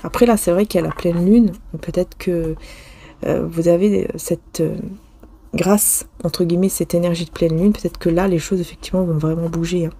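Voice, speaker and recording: A woman's voice: fairly low pitch, fairly even intonation, moderate pace, warm tone. Hesitant woman reading tarot cards. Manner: hesitant, restarts often, many fillers; addresses viewer directly, intimate. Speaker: tarot card reader. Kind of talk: casual spoken tarot reading.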